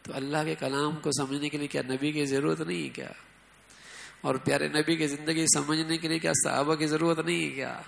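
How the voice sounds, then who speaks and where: A man's voice: on the high side, little pitch movement, creaky, a bit bright, poor audio. A man preaching an Islamic sermon in a conversational way, often asking the listeners and acting out quoted lines with stress. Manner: conversational, asks the audience often.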